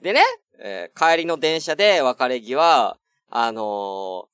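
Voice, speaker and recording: A man's voice: mid-range voice, sing-song, takes it slowly, fairly bright tone, clear, resonant tone, no echo, clean studio sound. A man hosting a podcast, telling a story in casual chat with lots of fillers and acted-out quotes. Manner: chatty storytelling, many fillers, acts out quoted exchanges. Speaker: podcast host.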